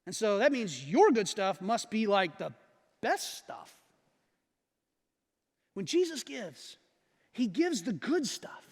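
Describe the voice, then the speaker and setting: A man's voice: high voice, big pitch swings, slow, long pauses, slightly rough. A man in his forties preaching a sermon as a pastor, casual and joking, acting out the people in the story. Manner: conversational, jokey, acts out voices of characters. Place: church sanctuary. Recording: echoey church hall.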